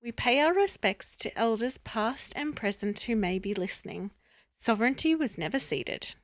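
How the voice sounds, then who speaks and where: A woman's voice: on the high side, lively intonation, normal speed. A woman hosting a podcast, upbeat and enthusiastic in casual chat. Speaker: podcast host.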